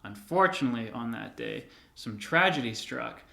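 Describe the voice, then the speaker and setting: A man in his thirties, a vlogger casually telling personal stories to the camera in a relaxed, reminiscing way with light filler words. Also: medium pitch, moderate pace, vocal fry. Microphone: camera held by another person. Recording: roomy echoey room sound.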